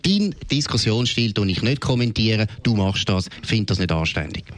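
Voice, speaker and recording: Combative Swiss man, lowish voice. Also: animated, fairly quick, no echo. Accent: Swiss German. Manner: combative, emphatic, protests loudly. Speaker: debate co-host. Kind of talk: heated casual debate.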